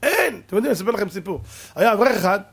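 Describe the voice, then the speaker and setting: A man, a rabbi giving a lively sermon full of stories, swinging from soft talk to shouting. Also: high-pitched, slight background noise. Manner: animated storyteller who swings from soft to shouting.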